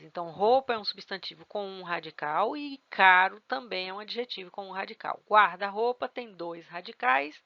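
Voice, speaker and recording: A woman's voice: mid-range voice, sharp tone, no room sound, muffled recording. A woman teacher giving an exam-prep grammar lesson, explaining rules step by step and checking in with her students. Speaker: Portuguese teacher.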